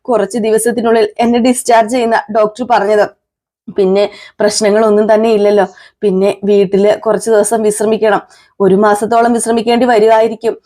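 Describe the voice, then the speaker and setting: A woman reviewer voicing a brave young woman in a hospital bed who reassures her family softly. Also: mid-range voice, flat delivery, fairly quick, lightly acted. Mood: reassuring.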